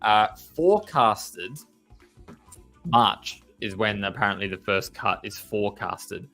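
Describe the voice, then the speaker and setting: A man co-hosting a trading show, chatting casually and upbeat about markets with quick asides. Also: lowish voice, lively intonation, sharp tone, soft background music.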